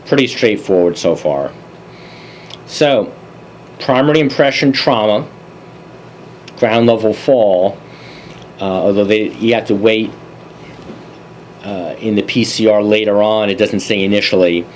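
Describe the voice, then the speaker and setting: A man presenting a continuing education review of emergency calls, relaxed and conversational with dry asides. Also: lowish voice, measured pace, long pauses, slight background noise, low-quality recording. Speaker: EMS medical advisory presenter. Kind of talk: case review lecture.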